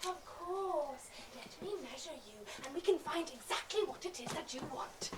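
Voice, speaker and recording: A woman voicing an unpleasant male shopkeeper who turns smooth and fawning for a rich customer. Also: on the high side, a little slow, crowd noise, voice pushed down, natural voice. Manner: snooty, then smooth and fawning. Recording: roomy, distant, noisy.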